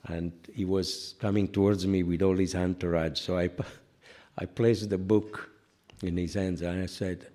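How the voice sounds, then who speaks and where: Older man, very low voice, informal sermon, rambling anecdotes, frequent "you know", self-deprecating humor. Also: level tone, a little slow, mellow. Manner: self-deprecating humor, laughs at own jokes. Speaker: spiritual teacher giving a class. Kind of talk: informal scripture class sermon.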